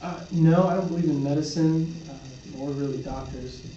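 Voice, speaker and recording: A man improvising comedy with terse, deadpan answers. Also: on the high side, normal speed, background noise. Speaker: improv role-play participant as a commune member. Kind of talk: improvised comic role-play. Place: echoey room with people around. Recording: muffled, distant, echoey, background chatter.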